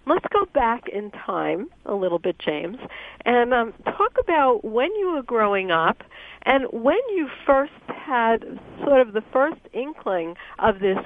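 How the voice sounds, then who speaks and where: A woman hosts a radio interview, and her voice comes through a thin, phone-like line. She guides the talk with gentle, steady questions. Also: mid-range voice. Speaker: radio show host. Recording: tinny phone-like radio sound.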